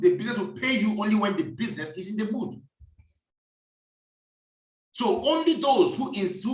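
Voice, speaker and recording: A man's voice: sits high, fairly bright tone, recorded from a distance. A man giving a preachy, emphatic business talk and repeating his key phrases. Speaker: business speaker. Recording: echoey room, voice off-mic.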